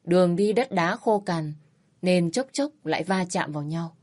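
A woman reads a first-person story aloud at an even, steady pace. Her delivery is plain and reflective, with the calm of a storyteller. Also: fairly low pitch, normal speed. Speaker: narrator.

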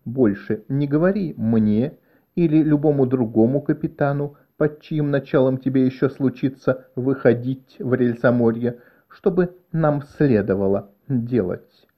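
A man's voice: medium pitch, normal speed, close to an everyday voice. A man reading the part of a stern female train captain with a mechanical hand, curt and commanding, on a dull lo-fi recording.

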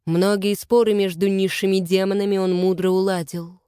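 A woman narrating a fantasy audiobook, measured and expressive, at a middling pitch for a woman. The recording is dry with no room sound. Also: clear, resonant tone, dry recording. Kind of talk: scripted narration.

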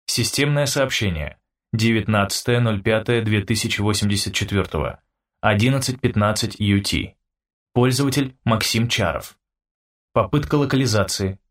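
A man voicing an impersonal computer system that reads out status logs in flat, clipped, measured announcements. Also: on the low side, distant mic, close to an everyday voice.

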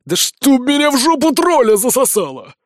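A man's voice: a little high, normal speed, a little mellow, dry recording, studio quality, close to an everyday voice. A man voicing a wounded old dwarf craftsman who speaks weakly, groaning and grumbling. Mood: groaning outburst.

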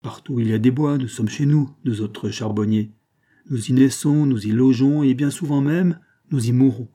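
A man's voice: mid-range voice, moderate pace, warm tone, close to an everyday voice. Man doing a hearty young charcoal burner. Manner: hearty, frank.

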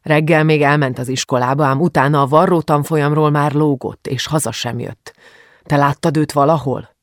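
A man's voice: fairly even intonation, dry recording, clean studio sound, close to an everyday voice. A man doing a stern angry father. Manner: stern, rumbling, commanding. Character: stern, angry middle-aged father, protective.

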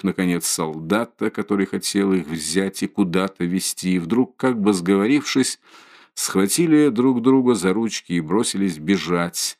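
A man narrating a classic novel as an audiobook in a measured, expressive way. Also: low voice.

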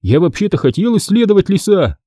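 An eager young city boy, as a man reads him, earnest and excited. His voice rises and falls a lot. The tone is mellow and a bit husky. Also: high-pitched, fairly quick, no room sound, clean studio sound, pitched above the performer's own voice, full character voice.

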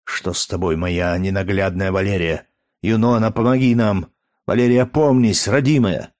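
A man's voice: steady tone, moderate pace, a little mellow, dry recording, clean studio sound, lightly acted. A man voicing a grave, fierce gladiator leader. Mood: anguished. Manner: low, menacing and grave, rising to anguished cries.

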